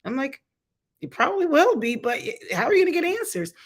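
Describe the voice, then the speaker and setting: Here a middle-aged vlogger rips through a TV show review in a high, very animated, fast voice. She offers frank, casual opinions in a chatty, blunt style, tossing in mocking remarks along the way.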